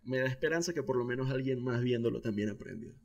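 A young adult man with a Venezuelan Spanish accent, co-hosting a podcast in a relaxed, slangy, rambling chat. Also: medium pitch, quick pace, creaky, dull audio. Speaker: podcast co-host. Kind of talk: casual chat.

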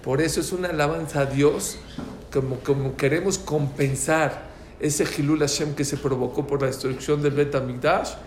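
Male teacher, animated storyteller, fairly high voice, echoey room, faint room noise. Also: moderate pace. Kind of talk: religious class on prayer.

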